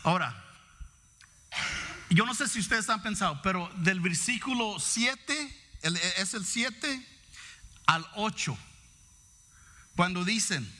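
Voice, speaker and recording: Male preacher, high, sharp-toned voice, reflective, poses questions to the flock. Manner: reflective, asks the congregation questions. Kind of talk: sermon.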